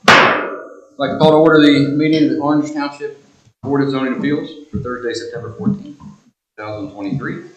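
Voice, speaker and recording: A man's voice: medium pitch, lively intonation, a little fast, a bit bright, muffled recording, slight background noise. An American man chairing a public meeting, reciting formal procedure and oaths in a rote, formulaic way. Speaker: board chairman presiding over a public meeting. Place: indoor township meeting room. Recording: echoey public meeting room.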